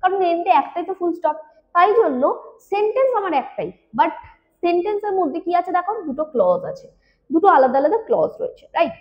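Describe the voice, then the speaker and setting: A woman English teacher with a Bengali accent giving an exam-prep grammar lesson. She mixes Bengali and English, repeats key points slowly and asks and answers her own questions. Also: very high voice, very animated, dull audio. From West Bengal, India.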